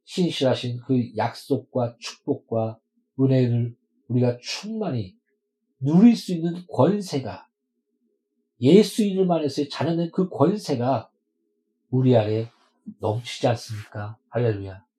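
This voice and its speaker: Animated, emphatic male pastor preaching. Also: mid-range voice, poor audio. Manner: emphatic preaching, drawn-out words for stress. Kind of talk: sermon.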